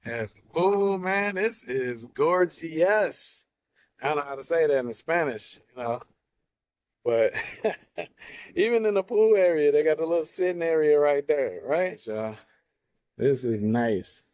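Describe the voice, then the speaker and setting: Mellow man on a casual home tour. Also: on the high side, a little slow. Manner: relaxed, admiring, talks to viewers as y'all. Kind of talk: casual walkthrough chat.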